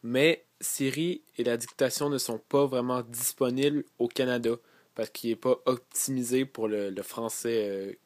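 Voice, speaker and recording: A man's voice: medium pitch, unhurried, no room sound. Dry-sounding Québécois man explaining a tutorial. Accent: Québécois French. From Quebec. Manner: relaxed, many fillers, explains step by step. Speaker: tech tutorial host. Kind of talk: casual screen-recorded tutorial.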